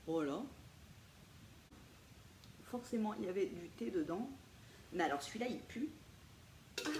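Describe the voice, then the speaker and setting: A woman, chatting casually and playfully to viewers about her thrift finds. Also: medium pitch. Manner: chatty, animated, laughs often, playful asides. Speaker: vintage thrift haul vlogger. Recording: echoey room with faint ambient noise.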